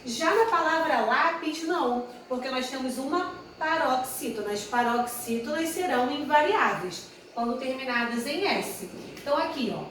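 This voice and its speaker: High-voiced woman teaching grammar. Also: a bit bright, slight background noise. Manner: patient, repeats each example and corrects herself. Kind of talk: grammar lesson at a whiteboard. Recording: echoey room, voice far from the mic.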